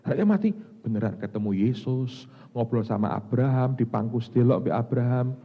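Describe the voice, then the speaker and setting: A man's voice: medium pitch, moderate pace, slight background noise. Man, pastor, Javanese accent, sermon, long hall reverb, muffled sound. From Semarang, Indonesia. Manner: animated storytelling, swinging from loud exclamations to soft hushed lines.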